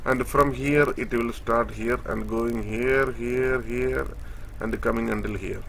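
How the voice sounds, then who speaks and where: A man giving a screen-share technical tutorial, explaining step by step in a halting way with many fillers as he points across a drawing. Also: medium pitch, fairly even intonation, vocal fry, fairly bright tone, slight background noise. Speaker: instructor.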